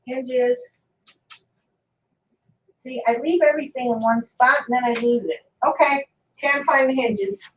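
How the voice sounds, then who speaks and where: A woman demonstrates crafts on a livestream at an indoor worktable, chatting casually and thinking out loud. Her high-pitched voice keeps a steady tone, unhurried and with long pauses, and her articulation is slightly mushy and toothless. The recording is muffled.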